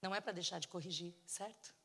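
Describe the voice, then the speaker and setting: A middle-aged woman giving an emotional sermon testimony in a church, acting out dialogue and swinging between loud and soft. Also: on the low side, fairly even intonation, quick pace, big-room sound. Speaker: preacher. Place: church sanctuary.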